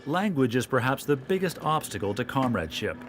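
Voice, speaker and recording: Measured male documentary narrator. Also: mid-range voice, sing-song, noisy background.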